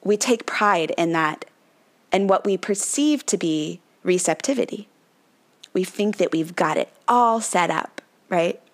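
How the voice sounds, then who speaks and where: A woman's voice: on the low side, animated, a little slow. A woman hosting a numerology podcast in casual talk, laughing often and filling her speech with "like" and "right?", slipping into brief mock voices. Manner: chatty, laughs often, says "like" and "right?" a lot; dips into mock voices playing the number. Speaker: podcast host, numerology coach.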